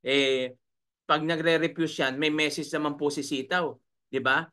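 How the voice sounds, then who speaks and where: A man's voice: on the high side, fairly even intonation, moderate pace, pushed and bright, clean tone. A man coaching online sellers in a live webinar, in a chiding manner, full of rhetorical questions. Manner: chiding, rhetorical, keeps asking "right?". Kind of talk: live webinar talk, reading viewer comments.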